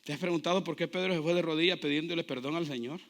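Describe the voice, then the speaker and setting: A male pastor preaching a sermon with passion. His delivery keeps building up to loud shouts. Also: on the high side, racing. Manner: impassioned preaching, rising to shouts.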